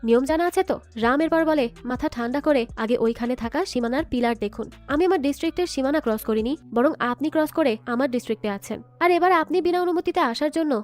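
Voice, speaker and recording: Female narrator for a film recap, brisk delivery, lines read straight over background music. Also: sits high, darkish tone. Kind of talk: scripted movie recap narration.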